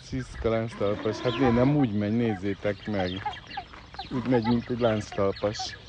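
A man's voice: lowish voice, steady tone, highs cut off, noisy background. Man coaxing farm animals outdoors. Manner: coaxing, calling out loudly to animals. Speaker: farm animal keeper live-streaming. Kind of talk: casual live stream chatter with animals. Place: outdoors in a farmyard. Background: birds and chickens.

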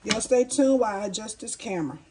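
A lively, fast-talking woman with a mid-range voice gives a casual cooking demonstration in her home kitchen, chatting to viewers as y'all. A camera on a nearby counter near the stove records, catching the sizzle and general kitchen noise.

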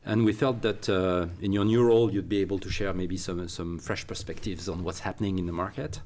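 A consultant acting as interviewer talks with a guest in a studio, his deep, darkish voice brisk and fairly even in intonation. The conversation is full of fillers and restarts, and there's slight background noise.

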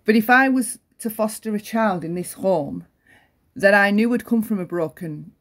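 A woman's voice: mid-range voice, normal speed, fairly bright tone. A woman giving an earnest opinion commentary, repeating her points and often adding "right?". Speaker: commentary channel host.

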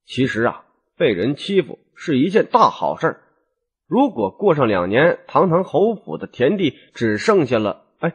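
Shrewd, easygoing nobleman husband, voiced by a male storyteller; husky, lively, coaxing. Audiobook storytelling. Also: medium pitch, lo-fi sound.

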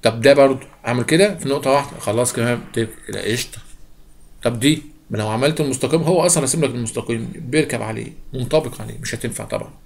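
A man's voice: mid-range voice, vocal fry. A man with an Egyptian Arabic accent teaching a math lesson, playful, asking questions and answering them himself. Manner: rapid, playful, asks and answers his own questions.

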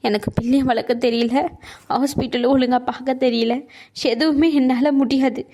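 A woman's voice: high voice, steady tone, moderate pace, dark tone. A hurt young cartoon mother. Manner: wounded, reproachful outbursts. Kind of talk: cartoon voice acting.

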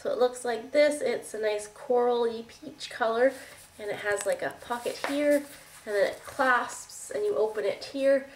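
Young woman, stuffy nasal voice, chatty haul vlogger, a bit high, roomy echo. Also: a little hiss or hum. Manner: chatty, rambling, many fillers. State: nasal and congested. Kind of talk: casual product haul chat.

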